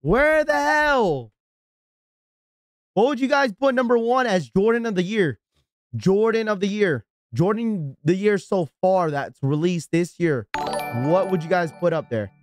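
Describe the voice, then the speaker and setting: A man's voice: high voice, expressive, moderate pace, no room sound, clean studio sound, soft background music. A man live-streaming, reacting in an exasperated, ranting way and thanking subscribers as he talks to his viewers.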